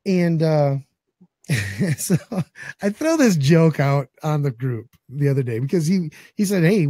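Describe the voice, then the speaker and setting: A man in his forties co-hosts a casual talk-show chat, joking and cursing bluntly while his voice, still recovering after he lost it, keeps cracking. His voice is a little high with a dark tone, and the recording has no echo.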